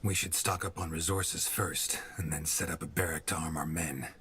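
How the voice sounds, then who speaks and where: A man voicing a calm, brisk male army commander who gives short orders, in game dialogue. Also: extremely low pitch, husky, heavily acted. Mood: commanding.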